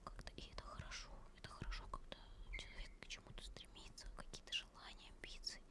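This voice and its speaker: A woman softly whispering casual, personal ASMR chat in a tender, caressing, breathy way, as host to her listeners. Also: quick pace.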